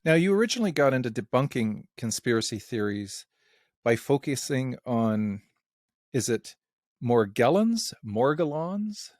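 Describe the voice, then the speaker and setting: A man's voice: medium pitch, expressive, normal speed, no echo, clean studio sound. A man hosting a podcast, asking curious, playful questions. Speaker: podcast host. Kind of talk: casual podcast interview.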